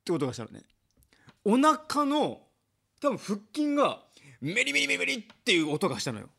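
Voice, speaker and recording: A man's voice: sits high, huge pitch swings, moderate pace, creaky, a bit bright, slightly rough. A young man co-hosting a podcast, telling a story in casual comedy chat, acting out quotes and laughing often. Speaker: podcast co-host.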